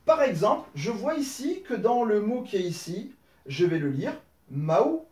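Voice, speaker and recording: Lively high-voiced man teaching at a board. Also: moderate pace, reverberant, recorded from a distance. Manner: explains step by step, says "alors" and "d'accord" often. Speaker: Arabic teacher. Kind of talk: whiteboard lesson.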